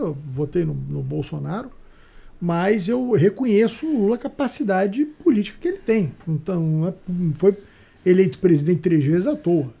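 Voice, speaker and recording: A man's voice: high voice, creaky, dark tone, breathy edge. A Brazilian man on a political debate panel, talking sarcastically and mocking others' words. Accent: Brazilian Portuguese.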